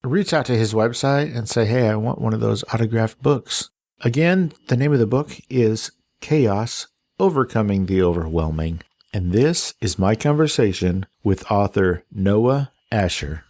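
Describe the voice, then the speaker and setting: A man's voice: lowish voice, lively intonation, a little mellow, no echo. Joking male podcast host from Texas. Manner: joking, teasing, fast questions. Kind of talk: casual interview with jokes.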